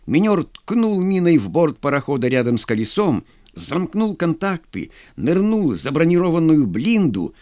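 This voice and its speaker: A man's voice: fairly high pitch, no echo, studio quality. A man narrating an audiobook with dramatic storytelling.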